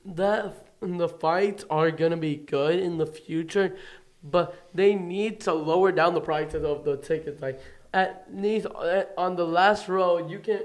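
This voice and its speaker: High-voiced young man chatting wrestling. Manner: halting, restarts often, earnest. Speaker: podcast co-host. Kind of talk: casual wrestling chat.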